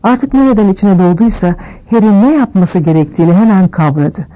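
A woman reading a novel aloud as scripted narration, shifting her pitch a little for each character. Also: lively intonation, fairly quick, mellow, rough recording. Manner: reads all characters with small pitch shifts. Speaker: audiobook reader.

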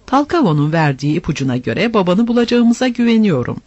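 A man voicing a kindly, steady nobleman who speaks calmly and reassuringly to a boy in a storybook reading. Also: sits high, fast, no room sound, lo-fi sound. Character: kindly, steady noble lord leading an expedition.

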